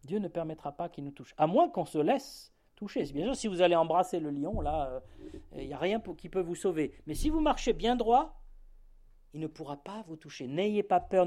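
A man's voice: on the high side, dark tone. A male preacher delivers an evening sermon in an emphatic, rising style. He leans on important words and often closes a thought with a small tag word.

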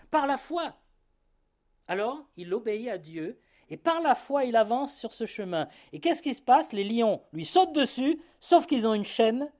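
A man's voice: high-pitched, darkish tone. A man preaching an evening sermon, emphatic and rising on key words, often adding a tag word at the end of a phrase.

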